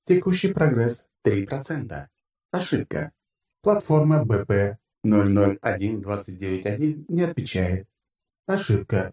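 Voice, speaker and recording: A man's voice: fairly low pitch, warm tone, roomy sound, recorded from a distance. A man voicing a malfunctioning combat AI system in an audiobook, a glitching robot that keeps reporting errors and reboots. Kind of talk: audiobook narration.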